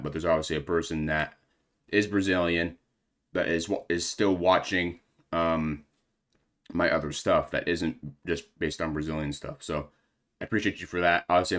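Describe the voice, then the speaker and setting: A man's voice: a bass voice, fairly bright tone. A young man hosting a reaction video in casual, rambling chat, slangy and full of fillers, a bit out of breath.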